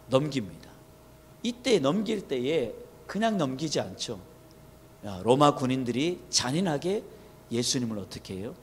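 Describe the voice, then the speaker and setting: A man preaching an early-morning sermon as pastor, retelling a story with quoted lines. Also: a little high. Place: church sanctuary. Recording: long hall reverb.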